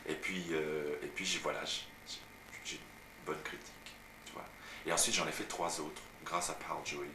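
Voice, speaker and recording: A young French actor from Paris telling stories of his career in a relaxed, chatty way, recorded on home video. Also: very deep voice, moderate pace. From France. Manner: chatty storytelling, frequent "tu vois". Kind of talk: casual interview at home. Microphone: far camera mic. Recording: roomy, distant, noisy home video.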